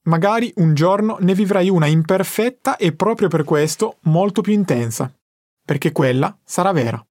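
A man's voice: high voice, expressive, moderate pace, a little mellow, dry recording, clean studio sound. A man voicing a patient wise old teacher. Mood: patient teaching. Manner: patient, instructive. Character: calm wise older male teacher. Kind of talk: audiobook character reading.

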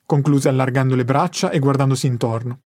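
Calm male audiobook narrator. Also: mid-range voice, brisk, dry recording, clean studio sound. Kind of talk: scripted narration.

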